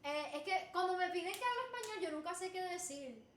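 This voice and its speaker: A Puerto Rican woman whose first language is Spanish livestreams, reading and answering chat in a playful, expressive way and slipping into Spanish, with a slight, Americanized accent. Her voice is very high-pitched and quick. The sound is roomy with slight background noise.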